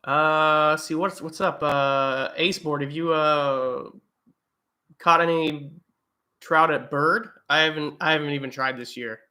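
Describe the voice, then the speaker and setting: A man's voice: on the high side, fairly even intonation, takes it slowly, sharp tone, smooth. A young man hosting a casual livestream, reading viewer comments and rambling with lots of fillers and restarts from home. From eastern United States. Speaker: livestream host. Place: home, indoors.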